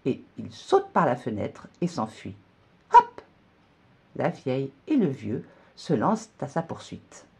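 A woman reading a children's story aloud, slow and animated. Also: gravelly, husky. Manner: slow, animated storytelling with wide pitch swings.

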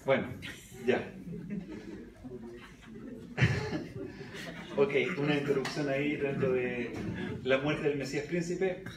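A man's voice: mid-range voice, very animated, takes it slowly, pauses often, crowd noise. A man preaching a Bible study sermon in church, reading scripture aloud and questioning the congregation. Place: church hall. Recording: echoey church recording from a distance.

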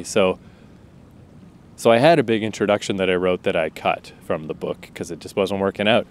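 A man in his thirties with a Canadian accent, talking casually and rambling through his own story, with fillers and swearing. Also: fairly low pitch. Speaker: podcast host and author. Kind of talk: casual spoken introduction.

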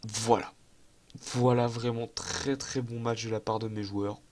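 Excitable young Frenchman commenting on his game. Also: medium pitch, measured pace, a little hiss or hum. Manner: chatty, excitable, self-mocking, thinks aloud. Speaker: gaming YouTuber. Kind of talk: casual let's-play commentary.

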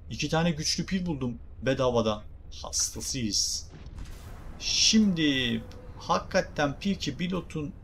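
A young man with a Turkish accent doing excitable, jokey game commentary and talking to his viewers. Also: a little high, slight background noise. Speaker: gaming streamer.

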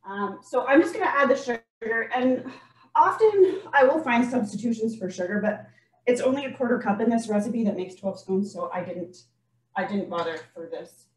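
A woman's voice: a little high, moderate pace. A middle-aged woman walks through a baking recipe in her home kitchen, chatty and self-deprecating, often restarting her sentences. She stands well back from a laptop camera on a video call. The kitchen sounds roomy and echoey. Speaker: baking demonstrator. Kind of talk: casual cooking demonstration. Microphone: laptop camera across the room, video call. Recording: echoey kitchen, speaker far from mic.

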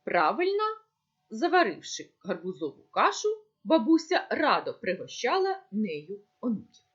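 A woman teacher giving a recorded lesson, speaking slowly and deliberately as if dictating. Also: on the high side, huge pitch swings, a bit bright, slightly rough, lo-fi sound. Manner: slow, deliberate dictation-like delivery.

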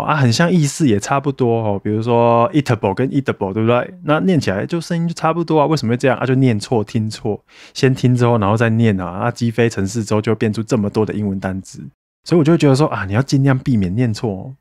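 A man's voice: medium pitch, quick pace, darkish tone, dry recording, studio quality. Chatty self-mocking male podcast host. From Taiwan. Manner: chatty and self-mocking, reads donor messages aloud. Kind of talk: casual solo podcast chat.

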